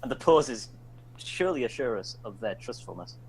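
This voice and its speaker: A man's voice: mid-range voice, lively intonation, normal speed, breathy edge. A man speaking casually as a player in a tabletop game, dry and joking. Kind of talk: casual tabletop role-play. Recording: noisy, keyboard clicks behind.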